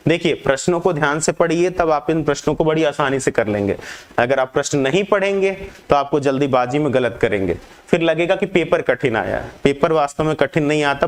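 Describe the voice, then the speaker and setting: Male tutor, slightly high voice, exam-prep lesson, reads questions, pushes for quick answers.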